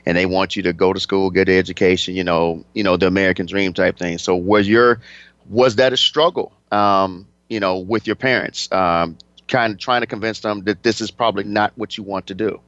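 Stammering radio host, low voice. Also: male voice, fairly even intonation, brisk, fairly bright tone, no echo, dull audio. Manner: stammering, repeats words when flustered. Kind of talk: casual interview chat.

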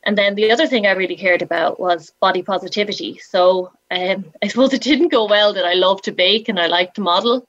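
A woman in her late twenties speaks with a west of Ireland accent. She talks conversationally about herself as an interview guest, on a dry, slightly muffled recording with an average pitch. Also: brisk, hardly any pauses, a bit bright, dry recording. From Galway, west of Ireland. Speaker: interview guest, former model. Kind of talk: conversational interview, personal storytelling. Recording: slightly dull, band-limited audio.

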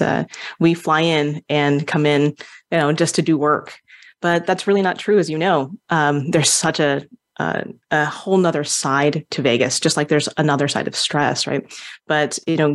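Woman from Hawaii telling her story. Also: low-pitched. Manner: warm storytelling, laughs often, many fillers. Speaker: guest speaker. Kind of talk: conversational interview.

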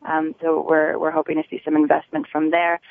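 Woman, thirties, creaky voice, halting conversational interview answers over a narrow phone line. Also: low-pitched, monotone, dry recording. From Connecticut. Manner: hesitant, halting delivery. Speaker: real estate agent, interview guest. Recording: tinny telephone line.

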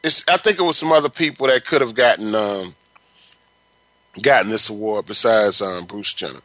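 A man co-hosting a casual sports talk chat, halting and repeating words as he builds his opinions. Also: fairly low pitch, fairly bright tone, no room sound, rough recording.

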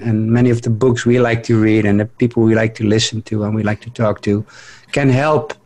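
A man co-hosting a radio talk show about the mind, speaking casually and haltingly, often repeating words as he searches for them. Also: fairly low pitch, a little mellow. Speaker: co-host.

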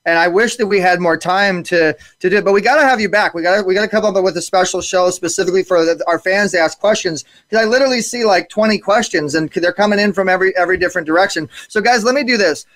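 High-voiced man hosting a live show. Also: quick pace, hardly any pauses, a bit bright, no echo. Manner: enthusiastic, repeats words as he goes. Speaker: show host. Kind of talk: live online talk show.

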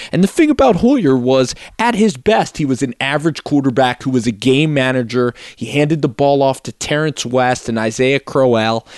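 A young male sports radio host who talks with energy and emphasis as he analyzes games. His voice sits at a middle pitch. The recording is dry and close. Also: no room sound.

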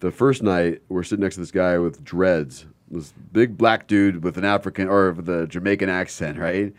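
A man's voice: low-pitched, moderate pace. A middle-aged man hosting a casual chat, telling stories in a rambling way and laughing often. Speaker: host.

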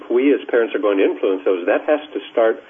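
A male physician speaking as a guest on a radio talk show, halting and full of fillers. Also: medium pitch, lively intonation, slightly rough. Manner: halting, many fillers and restarts. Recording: muffled lo-fi radio line.

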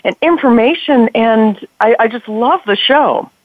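A woman's voice: a little high, measured pace, dry recording. A woman from Massachusetts calling in over a clipped phone line, talking in an effusive, rambling way. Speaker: caller. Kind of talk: call-in chat. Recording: tinny dry phone line.

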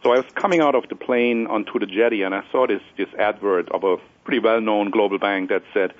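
A man calling in as a panel guest on a radio show, talking with lots of fillers and restarts. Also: fairly low pitch. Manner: fast, with many fillers and restarts. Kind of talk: call-in interview. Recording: dull lo-fi line.

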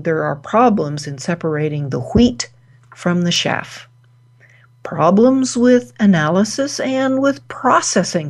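A woman hosting a wellness talk, speaking deliberately and pausing between short phrases. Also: lowish voice, a little mellow. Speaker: host.

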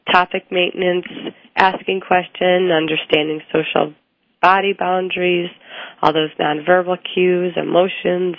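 A woman speech therapist explains her methods in a very low, level voice that hardly rises or falls. She talks through her points with plenty of ums and restarts. The sound is thin and phone-like, dry with no room echo. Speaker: speech language pathologist guest. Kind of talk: interview answers. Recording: tinny phone-like line, dry.

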